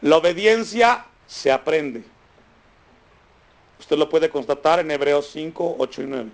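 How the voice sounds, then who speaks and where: Male pastor, higher-pitched voice, emphatic sermon with repeated key lines, fervent prayer. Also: unhurried, creaky. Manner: emphatic preaching, repeating key phrases, drops low and soft for stress; raised, fervent pleading in prayer. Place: church congregation.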